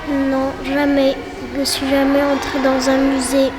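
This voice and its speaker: A young girl slowly and hesitantly recounting a museum visit, searching for her words. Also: high voice, completely flat delivery, loud music behind the voice. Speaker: child interviewed at a leisure centre. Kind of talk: halting spontaneous recount.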